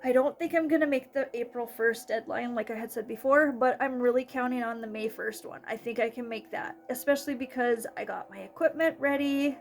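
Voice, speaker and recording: A woman's voice: a little high, brisk, gravelly, few pauses, slight background noise. A middle-aged American woman from North Dakota hosting spooky stories in a casual, rambling, informal chat with her followers. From North Dakota, United States. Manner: rambling, informal, swears freely. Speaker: horror storytelling host. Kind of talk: casual spooky storytelling vlog, chatting to followers.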